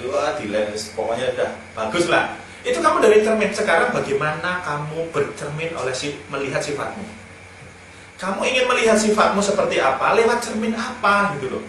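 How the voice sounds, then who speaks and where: A man's voice: high voice, fairly bright tone. A man giving casual, humorous self-improvement advice, telling anecdotes and chuckling between points. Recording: very echoey room, speaker far from mic, faint noise.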